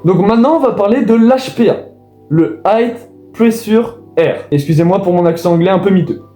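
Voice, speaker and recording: Man, high mellow voice, casual explainer, echoey room, faint music. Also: animated, quick pace. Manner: casual, addresses viewers directly. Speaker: video host. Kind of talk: explanatory voice-over.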